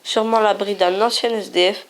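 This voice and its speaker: Brisk and medium-pitched, with fairly even intonation, a woman hosts a casual game video. She chats playfully and tends to repeat herself while showing what's on screen.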